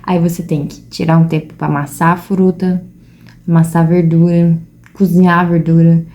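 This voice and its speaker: A woman's voice: fairly low pitch, flat delivery, normal speed, mellow. A young Brazilian woman with a Brazilian Portuguese accent, talking earnestly and casually to her viewers at home, seated at a table. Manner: earnest, conversational, addresses viewers directly. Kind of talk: casual reflective talk to camera.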